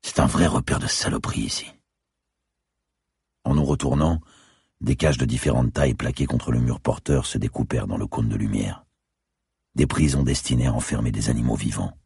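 Narrating a first-person dark crime thriller for an audiobook, a man speaks at a steady, descriptive pace in an extremely deep, gravelly, very husky voice. It's recorded up close and dry, with nothing of the room audible.

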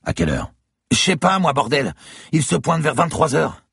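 A man voicing a tough, foul-mouthed woman bar owner in a thriller audiobook, speaking shrill and loud. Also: expressive, brisk, breathy edge, no room sound, studio quality, exaggerated voice. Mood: defiant.

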